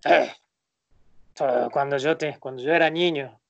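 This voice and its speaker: A man's voice: on the high side, fairly even intonation, unhurried, creaky, highs cut off. A man chatting casually and hesitantly, repeating words while he searches for them. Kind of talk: casual conversation.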